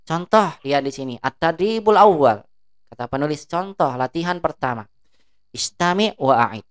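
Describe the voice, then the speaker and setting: A woman with a low, smooth, clear voice teaches an Arabic class. She stretches the long vowels as she drills each word. She stops often to ask the class if they follow. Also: animated, moderate pace. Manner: asks the class check questions.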